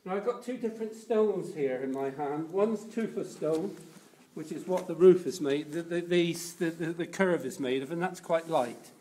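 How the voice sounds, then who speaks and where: A man working as a cathedral tour guide, explaining things informally and in a halting, unscripted way. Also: on the high side, mellow, a little hiss or hum.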